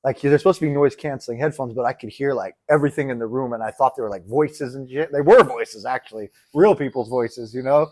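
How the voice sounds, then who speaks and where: A man co-hosting a podcast, telling a story in casual chat, rambling and swearing and getting excited as he retells it. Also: mid-range voice, quick pace, few pauses. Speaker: podcast co-host. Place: resort retreat room.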